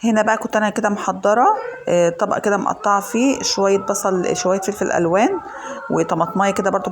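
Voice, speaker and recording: A woman with an Egyptian Arabic accent, slightly hoarse from a cold, chatting to viewers as she walks them through a home cooking recipe. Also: mid-range voice. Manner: chatty, addresses viewers directly, lots of fillers. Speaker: home cooking channel host. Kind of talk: casual cooking tutorial. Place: home kitchen.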